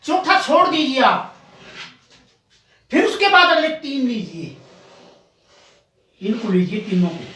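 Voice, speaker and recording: A man's voice: very high voice, sharp tone, roomy sound, far from the mic. A male coaching teacher giving a classroom lesson, patiently explaining step by step and sounding out items one by one.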